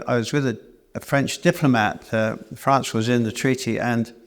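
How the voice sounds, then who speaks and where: A man's voice: medium pitch, gravelly. A man telling a rambling, self-deprecating travel anecdote live on stage in a church venue, with frequent restarts. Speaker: cabaret storyteller and singer. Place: church hall, live performance.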